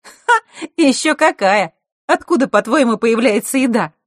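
A woman's voice: a little high, lively intonation, moderate pace, no room sound, studio quality, pitched above the performer's own voice. A woman voicing a proud, hot-tempered girl from a family of timekeepers, talking sharply and bossily. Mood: haughty. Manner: sharp, bossy, snorting retorts.

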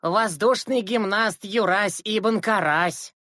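A man's voice: high-pitched, slow pace, sharp tone, dry recording, clean studio sound, voice pushed up, full character voice. A man voicing a boisterous, mocking teenage schoolboy in an audiobook. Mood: taunting. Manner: taunting, boisterous. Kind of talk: audiobook character reading.

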